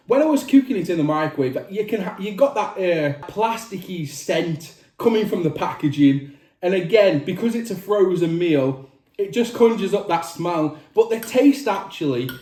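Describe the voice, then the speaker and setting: A man giving a casual food review to camera as the host, with drawn-out, emphatic presenter phrasing. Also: sits high, a little mellow. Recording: roomy, echoey indoor sound.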